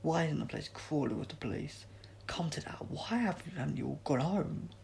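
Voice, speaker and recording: A man reading the lines of a brisk, cheeky male doctor and space traveller in an audiobook, with pointed questioning. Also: fairly high pitch, expressive, gravelly, darkish tone, slight background noise, voice pushed up. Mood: incredulous, pointed. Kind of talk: audiobook character dialogue.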